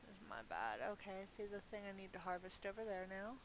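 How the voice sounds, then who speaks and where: A middle-aged woman hosts a gameplay video, rambling casually and thinking out loud with a self-amused air, very animated and fast. Her voice sits at an average pitch for a woman, and a noticeable background hiss is clearly audible on the recording.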